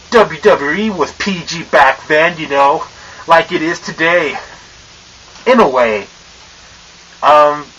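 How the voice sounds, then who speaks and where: Muffled, bright-voiced young man ranting. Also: medium pitch, a little hiss or hum. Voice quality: muffled by a mask he wears. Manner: rambling and profane, with many fillers and stumbles. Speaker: vlogger. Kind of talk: casual rant to camera.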